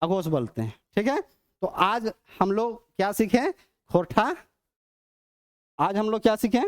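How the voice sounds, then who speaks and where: Classroom teacher, mid pitch, repetitive question-and-answer style, slow drawn-out letters. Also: lively intonation. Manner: repeats, asks and answers own questions; sounds out letters slowly and drawn out. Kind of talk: demo class on phonetics.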